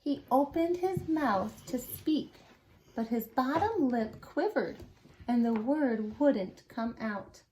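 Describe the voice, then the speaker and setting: A woman's voice: on the high side, slow pace, a little hiss or hum. Woman reading a story aloud to preschoolers. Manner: expressive, asks listeners questions. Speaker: preschool teacher. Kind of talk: children's storytime read-aloud.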